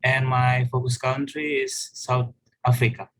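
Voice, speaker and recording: A young student with an Indonesian accent presenting hesitantly in a casual class call, with many fillers. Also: male voice, medium pitch, monotone, measured pace, rough recording. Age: young adult. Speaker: student panelist.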